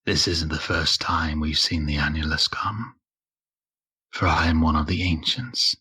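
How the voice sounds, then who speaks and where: A man voicing Deceit, a raspy ancient temptress. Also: very deep voice, sharp tone, full character voice. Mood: tempting. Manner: slow, solemn, tempting speech. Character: ancient female spirit of deceit, cold and tempting. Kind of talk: tabletop game role-play.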